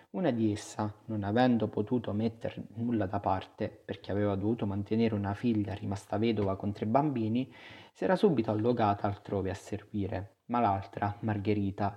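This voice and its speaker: A man reads a literary novel aloud in the first person, measured and expressive. His voice sits low and has a husky, breathy grain. The tone is dark and mellow. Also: dull audio. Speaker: narrator. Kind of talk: audiobook reading of a literary novel.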